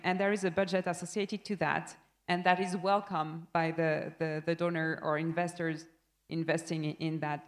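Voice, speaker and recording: Female panelist, lowish voice, handheld mic, hesitant unscripted answer. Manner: hesitant, repeats words. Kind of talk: panel discussion. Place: conference stage.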